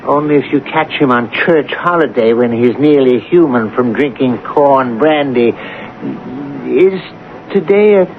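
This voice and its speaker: A man's voice: mid-range voice, animated, measured pace. A man playing a genteel, self-satisfied senior clerk in a 1970s radio drama. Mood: puzzled, concerned. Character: self-satisfied male chief clerk, jovial and condescending. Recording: tinny, noisy 1970s radio broadcast.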